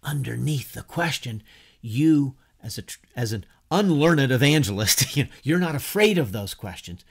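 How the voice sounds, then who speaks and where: A middle-aged man teaches a church class from a book-lined home study, gesturing freely as he talks. His delivery is animated, full of restarts and little acted-out snippets of dialogue. He is recorded on a webcam at desk distance, with a plain, mid-pitched speaking voice. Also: moderate pace, creaky. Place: home study with bookshelves and a whiteboard.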